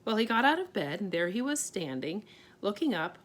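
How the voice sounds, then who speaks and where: A woman reading aloud and voicing a tiny, plain-spoken borrower father who talks in homely, ungrammatical phrases with calm reassurance. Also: mid-range voice, brisk. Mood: steady.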